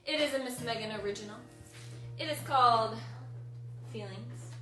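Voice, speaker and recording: High-voiced woman teaching with guitar. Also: normal speed. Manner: patient, coaxing teacher talk, sings with guitar. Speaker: kindergarten teacher. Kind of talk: online kindergarten lesson. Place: home room. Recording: echoey room.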